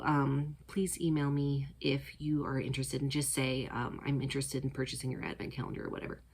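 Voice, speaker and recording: Woman, deep-ish voice, middle-aged, enthusiastic casual chat, filler-heavy, podcast host. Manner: chatty, enthusiastic, many fillers.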